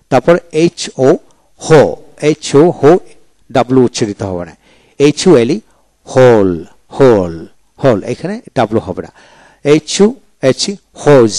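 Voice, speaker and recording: A man's voice: medium pitch, a little mellow, dry recording. Male teacher for a pronunciation lesson who spells each word and repeats it, in a dry booth. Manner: spells words letter by letter, then repeats them.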